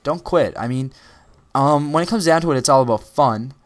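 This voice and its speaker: A teenage boy, a gaming video maker, narrates gameplay footage with an easygoing, rambling motivational talk. He speaks at medium pitch and moderate pace, often pausing on "um" and beginning again.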